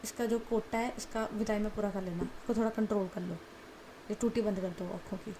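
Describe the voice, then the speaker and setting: A woman's voice: medium pitch, fairly even intonation, a little fast, noisy background, close to an everyday voice. A woman voicing a beauty parlour worker who jokingly teases a crying bride. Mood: teasing. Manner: joking, light teasing.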